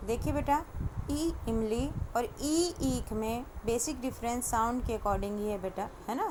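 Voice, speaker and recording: A woman's voice: fairly high pitch, noisy background. A woman teaching a kindergarten Hindi class online, stretching out each word and checking in with the children. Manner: slow, drawn-out word-by-word pronunciation with frequent "है ना?".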